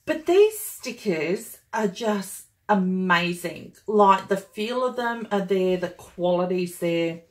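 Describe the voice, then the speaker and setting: A woman talking casually and enthusiastically as she unboxes and reviews a planner kit, gushing over each item. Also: on the low side. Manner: gushing and enthusiastic, chatty with fillers.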